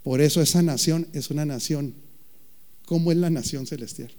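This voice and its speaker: A male pastor preaches in a fairly high voice. He jokes with the congregation, throws questions at them and stretches out key phrases with slow, deliberate emphasis. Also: warm tone. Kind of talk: sermon.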